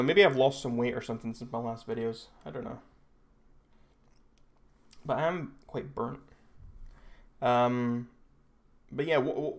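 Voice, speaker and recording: A young Scottish man hosting a live stream, chatting casually and rambling with frequent restarts and self-corrections. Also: medium pitch. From Scotland. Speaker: livestream host.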